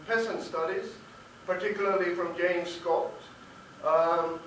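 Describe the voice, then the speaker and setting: A man's voice: sits high, a bit bright. A male academic panelist giving a hesitant roundtable talk full of fillers. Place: conference room. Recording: echoey room, distant mic, faint noise.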